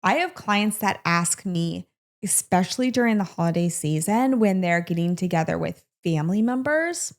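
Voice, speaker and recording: A woman's voice: on the low side, moderate pace. A woman hosting her own solo podcast about everyday wellness, talking casually and playfully straight to the listener. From American Midwest. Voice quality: chatty, animated, with playful asides. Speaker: podcast host.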